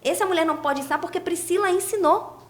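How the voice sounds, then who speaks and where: A woman's voice: very high-pitched, quick pace. A young woman, a podcast guest explaining scripture and asking rhetorical questions. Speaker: guest speaker.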